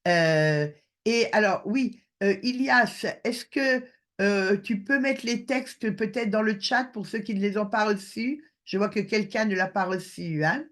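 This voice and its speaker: A man's voice: high voice, measured pace, fairly bright tone. A man giving an online lecture over a video call, hesitant with many filler sounds.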